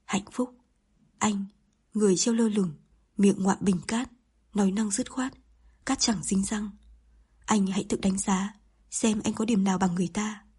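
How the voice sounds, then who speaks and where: A woman's voice: mid-range voice, fairly even intonation, a little slow, pauses often, warm tone, slightly rough. A woman narrator voicing a harsh, scornful older mother in an audiobook, scolding with contempt.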